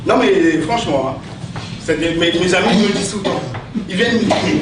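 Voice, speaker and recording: A man's voice: high voice, fairly quick. A man performing a theatrical comic stage monologue with hammy, declamatory delivery, like a stage actor reciting. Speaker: sketch comedian on stage. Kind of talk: theatrical stand-up monologue with verse tirade. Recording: echoey hall, distant mic, noisy.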